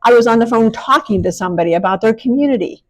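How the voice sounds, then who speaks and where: A woman's voice: on the high side, animated, fast. A middle-aged American woman with a slight speech impediment on her R and S sounds, the R leaning toward W, giving a frank, colloquial, self-deprecating motivational monologue. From small-town Pennsylvania, United States. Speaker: podcast host and women's empowerment coach.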